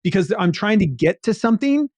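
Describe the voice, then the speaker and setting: A man hosts an interview, asking questions with an enthusiastic, affirming manner. His voice sits fairly high for a man, and the sound is dry and close, with no room echo. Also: expressive, brisk, a little mellow. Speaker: podcast host. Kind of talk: conversational interview.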